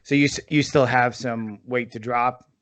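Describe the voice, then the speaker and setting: A man's voice: mid-range voice, steady tone, moderate pace, a bit bright. A man hosting a podcast, asking questions casually and hesitantly, often repeating words. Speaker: podcast host.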